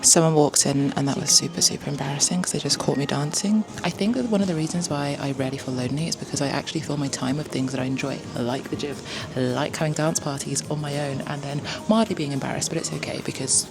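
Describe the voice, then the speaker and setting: A woman's voice: deep voice, fast talker, gravelly. A young woman chatting casually through her day in an upbeat, self-deprecating vlog, laughing easily. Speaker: vlogger. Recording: noticeable background noise.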